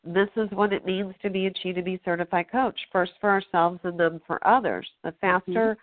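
A woman's voice: fairly low pitch, steady tone, moderate pace, no echo. A woman coach giving direct, encouraging feedback on a coaching call. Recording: tinny phone line.

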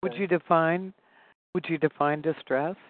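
Higher-voiced teasing man hosting. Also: fairly even intonation, measured pace, dry recording, narrow, tinny audio. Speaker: host. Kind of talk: casual chat, prompting with questions.

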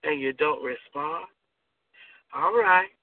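A woman speaks in a slow, teasing, sultry way on a flirty late-night show, her voice pitched a little high. She sounds far from the mic through a thin, phone-like line. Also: dry recording. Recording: faraway tinny phone sound.

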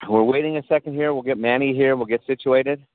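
This pastor talks fast at medium pitch with fairly even intonation and no echo. He preaches a sermon over a call, restarting phrases and checking in with listeners, and the tinny line breaks up.

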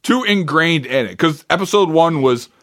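Animated man arguing in casual chat. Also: fairly high pitch, moderate pace. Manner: animated, argumentative, swears casually. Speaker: podcast co-host.

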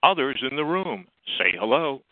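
A man speaks as an automated phone menu voice. He delivers scripted prompts like an announcer, at a medium pitch. The sound is narrow and tinny, as heard down a telephone line. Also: sing-song, moderate pace, slight background noise.

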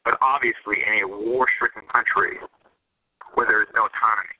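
A man's voice: on the low side, steady tone, normal speed. A man giving intense, conspiratorial political commentary as a guest, emphatic and repeating phrases for stress. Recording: narrow tinny telephone line.

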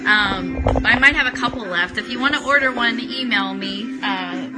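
A woman with a fairly high voice hosts a casual live-streamed [name] talk show, chatting enthusiastically at normal speed as she greets viewers and reads aloud. The recording is rough, with Christmas CD music playing in the background.

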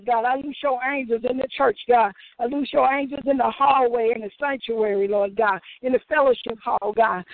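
A man's voice: very high-pitched, no echo. A man leading a fervent spoken prayer, saying "Lord God" between each phrase. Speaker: prayer leader. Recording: tinny phone line, dry.

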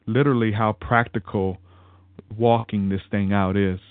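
A podcast guest with a lowish, smooth voice rambles through a personal faith story at a moderate pace, his intonation fairly even as he repeats words and restarts sentences. It's casual spoken testimony, heard over a tinny, phone-like line with no room sound.

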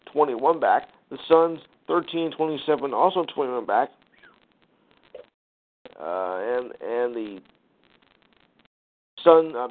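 A man hosting a sports talk show, reading out scores and standings with casual asides and lots of fillers. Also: medium pitch. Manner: rattles off numbers with fillers, sighs and quick asides. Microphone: phone call line. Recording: tinny phone-line audio.

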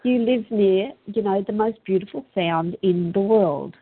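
A woman's voice: mid-range voice, unhurried, slightly rough. An Australian woman chatting casually and earnestly, reflective, with an earthy, colloquial bush way of talking. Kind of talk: casual heartfelt chat. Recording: tinny phone-line sound.

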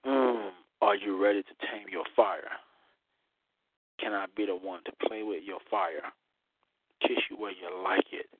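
A man performs sensual spoken-word poetry on a tinny, band-limited line with a dry sound. His delivery is slow, soft and breathy, murmured intimately right in the listener's ear. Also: on the low side, no room sound. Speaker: host of a live poetry show.

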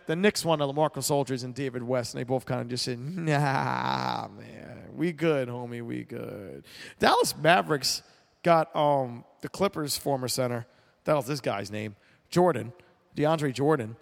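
A man's voice: medium pitch, normal speed, long reverb tail. A man hosting a sports talk show, giving a blunt, opinionated monologue full of restarts and repeated words.

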